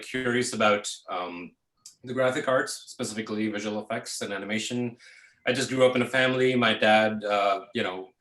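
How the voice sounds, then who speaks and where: A man in his thirties from Pakistan talks through his career in a relaxed, chatty way, filling pauses with "uh" and "you know." His voice is bright and forward. It sounds echoey, as if recorded in an open room over a video call. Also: mid-range voice. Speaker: guest, visual effects artist. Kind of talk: casual interview answers.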